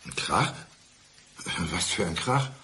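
Heavily acted and set against slight background noise, this performance has a low, sing-song voice that is slow yet bright and forceful. The radio crime drama character is a despairing, deceitful man from the country who fakes blindness, and he speaks in a probing, intensely deliberate way.

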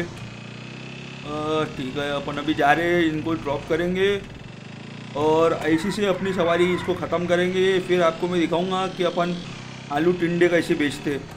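A man giving comic gameplay commentary, joking in a playful street-seller way with sudden shouted calls. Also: a little high, fairly even intonation, a little slow, long pauses, background noise. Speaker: gaming channel host. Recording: loud game sounds under the voice.

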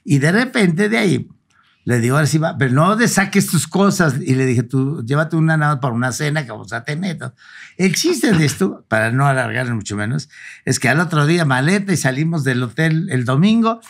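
A man's voice: a little high, lively intonation, brisk, vocal fry. A man, a podcast guest telling a long anecdote in a casual way and acting out both sides of the dialogue. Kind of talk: casual storytelling.

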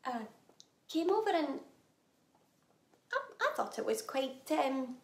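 An actress with a Scottish accent performing a dramatic monologue as a nervous young woman who proposes to her flatmate, talking in a hesitant, halting way with nervous laughs. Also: high-pitched, echoey room, full character voice. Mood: nervous, hopeful. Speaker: actor.

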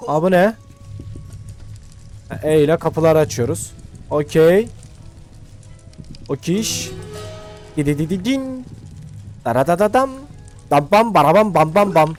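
A young man casually commenting as he plays a video game for his channel, chatty and slangy, thinking out loud as he goes. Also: on the high side. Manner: chatty, slangy, thinks aloud while playing. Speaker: gaming YouTuber. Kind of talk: casual let's-play commentary.

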